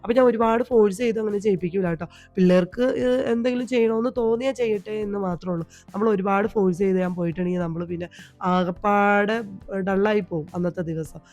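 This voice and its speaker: A woman vlogger with a Malayali accent, hoarse from a cold, chatting homely in a voice-over about her day. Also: mid-range voice, fairly even intonation, quick pace, faint music behind. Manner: chatty, homely, tags sentences with a soft "ട്ടോ". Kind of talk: home vlog voice-over. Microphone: voice-over recorded at home.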